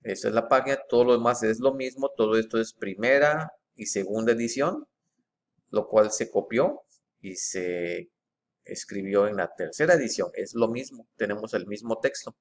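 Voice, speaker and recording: Gravelly man, explaining methodically. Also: fairly low pitch, a little hiss or hum. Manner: methodical and halting, with frequent fillers and restarts. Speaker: presenter comparing book editions. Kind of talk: informal explanatory walkthrough, reading passages aloud.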